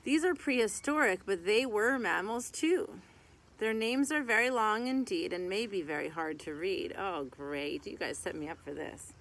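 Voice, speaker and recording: In a rough outdoor recording with birds and a rooster nearby, a woman in her thirties reads a picture book to children beside a tree in a garden. Medium-pitched and fairly bright, she speaks at normal speed, teacher-style, phrase by phrase with short asides.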